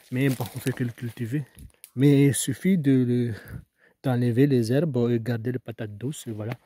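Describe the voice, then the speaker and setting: A man's voice: mid-range voice, darkish tone, slight background noise. A man with a Mahoran French accent, a farmer talking casually outdoors about his crops, hesitant and rambling with many restarts. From Mayotte. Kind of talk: casual farm vlog.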